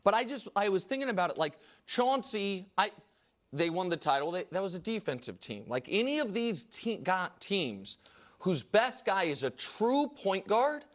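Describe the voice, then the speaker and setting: Man, sports debate host, high voice, lively swings in pitch, argumentative. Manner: animated, argumentative, quick restarts.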